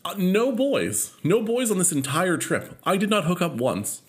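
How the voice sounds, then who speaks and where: A man from California telling a road trip story in casual, profane, animated chat. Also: high voice, moderate pace.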